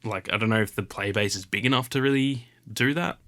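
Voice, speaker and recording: Male podcast co-host, lowish bright tone, loose rambling chat. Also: fairly quick. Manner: rambling, filler-heavy, animated retelling. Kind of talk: casual chat.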